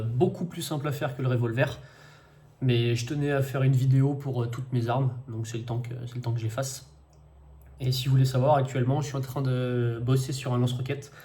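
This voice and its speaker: Hesitant man with a mellow voice. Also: medium pitch. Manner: hesitant, many fillers and restarts, first time commenting. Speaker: 3D-printing maker demonstrating an assembly. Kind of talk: casual tutorial commentary.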